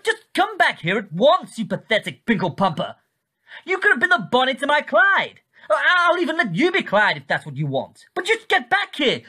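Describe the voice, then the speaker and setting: A woman's voice: sits high, bright, forceful tone, full character voice. A woman voicing a sinister disembodied 1940s English newsreader voice that goads the listener with clipped, mock-cheerful cruelty. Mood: frantic. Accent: clipped 1940s English newsreader accent. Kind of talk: comedy sketch acting.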